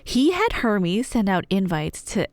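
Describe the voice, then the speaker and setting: With big pitch swings in her mid-range voice, a woman speaks a little slowly on a dry recording. She's an audio roleplay performer cast as a chatty, playful, nerdy girlfriend who rambles through myths, wry, irreverent and full of slang, in scripted ASMR storytelling.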